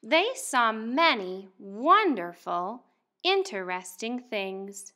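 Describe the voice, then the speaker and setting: Speaking slowly in a sing-song way, this young first grade teacher reads to small children like it's a picture book, expressive and clear. Her voice sits on the high side, with a bright, forceful tone.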